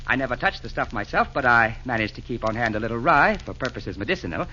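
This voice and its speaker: A jolly, fussing old Santa Claus in a 1940s radio play. The voice is bright and forceful, swinging widely through hearty, theatrical rhymes. The old broadcast recording is dull and limited. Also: male voice, mid-range voice, animated, quick pace, a little hiss or hum. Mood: hearty, hospitable. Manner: hearty, rhyming theatrical delivery.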